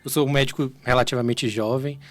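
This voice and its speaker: A man speaks as a cardiologist guest in a radio interview. He explains slowly and carefully, often checking in with short tag questions and restarting his phrases. His voice sits at an ordinary middle pitch. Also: steady tone, fairly bright tone. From Salvador, Brazil. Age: 30s.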